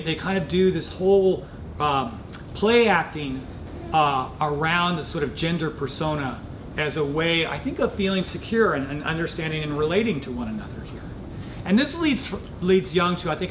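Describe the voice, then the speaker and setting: A middle-aged male professor gives an explanatory lecture in a fairly high voice. His phrasing is thoughtful and informally academic. The room is very echoey, with a clear low rumble of noise behind him.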